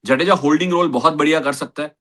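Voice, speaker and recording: Bright-voiced Indian man, chatty cricket host. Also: fairly high pitch, fast. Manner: mixes Hindi and English, playful teasing. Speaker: cricket show host and former Test player. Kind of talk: casual cricket chat.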